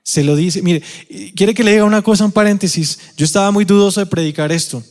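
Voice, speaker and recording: A man with a Colombian accent preaching a sermon in a church auditorium, telling the story with animated acted-out quotes and questions to the congregation. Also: high voice, fast. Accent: Colombian Spanish. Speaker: pastor. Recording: long hall reverb.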